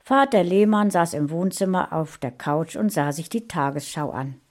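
A woman reading aloud a story she wrote, in a calm, even storytelling manner. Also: fairly low pitch, moderate pace. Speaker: author reading her story. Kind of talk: storybook narration.

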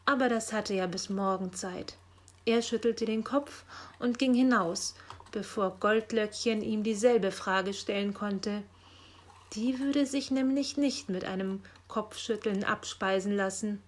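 A woman narrating a children's story in a calm, gentle reading voice. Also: medium pitch, measured pace.

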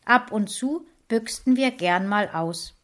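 A woman narrating a children's story in the first person of a dog, in a gentle storytelling manner. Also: fairly high pitch, animated, slow. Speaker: audiobook narrator.

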